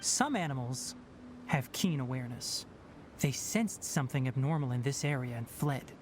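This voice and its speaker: A man's voice: mid-range voice, animated, moderate pace, background noise, close to an everyday voice. An actor voicing a young, fox-eared male forest ranger in a video game, who talks in a precise, explanatory way. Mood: explaining. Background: game music.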